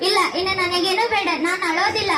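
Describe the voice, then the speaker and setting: A woman's voice: extremely high pitch, level tone, fast. A young female performer in a school play, voicing a grieving mother who pleads tearfully with her imprisoned son. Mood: anguished. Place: school stage in a hall. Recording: echoey hall with a crowd behind.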